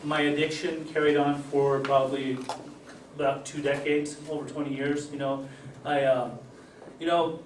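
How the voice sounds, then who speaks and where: A middle-aged man born in Germany and raised in Utah, giving an earnest personal recovery testimony with many fillers and pauses. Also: fairly high pitch, little pitch movement, slight background noise. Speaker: recovery speaker. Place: event hall. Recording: echoey hall, distant mic.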